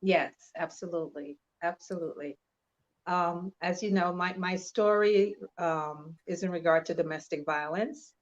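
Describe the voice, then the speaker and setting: A woman's voice: lowish voice, steady tone. Woman on lo-fi call audio. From Trinidad and Tobago. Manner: measured and sincere, with frequent filler pauses. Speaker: interview guest. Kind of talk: personal testimony in an interview.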